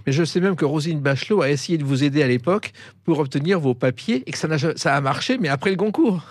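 Brisk male interviewer, slightly high voice. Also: animated, dry recording. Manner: direct, brisk questions. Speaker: interviewer, host. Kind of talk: broadcast interview.

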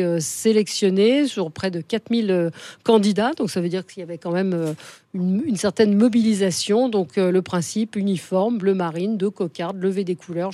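A woman's voice: mid-range voice, dark tone, no room sound. Woman hosting radio debate, close dry sound. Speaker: radio talk show host. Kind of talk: live debate moderation, conversational.

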